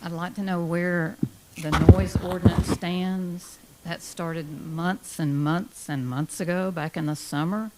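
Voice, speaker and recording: Woman, deep voice, blunt insistent public comment, faint background noise. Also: steady tone, takes it slowly. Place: indoor public meeting room.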